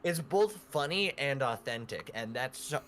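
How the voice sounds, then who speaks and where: A man breaking in for casual chat, his remarks loose and rambling. His pitch moves lively, with a faint background hum. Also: unhurried. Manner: relaxed, rambling. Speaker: co-reader commenting.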